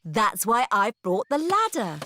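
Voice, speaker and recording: A woman voicing a confident, motherly adult lady pig in a cartoon, breezy and expressive. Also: on the high side, a little slow, a little hiss or hum.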